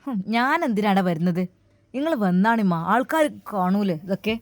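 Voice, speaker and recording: A woman's voice: medium pitch, animated, moderate pace, no echo, voice pushed down, natural voice. A woman voicing a cruel, spiteful middle-aged mother who snaps scornfully, in a Malabar accent. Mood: snapping. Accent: Malabar Malayalam. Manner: scornful and snapping.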